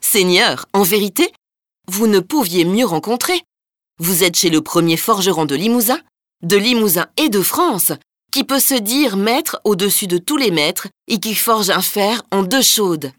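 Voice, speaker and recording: A woman's voice: mid-range voice, lively intonation, measured pace, dry recording, clean studio sound, close to an everyday voice. A woman voicing a proud, boastful master blacksmith in a folk tale, talking in a pompous, bragging way.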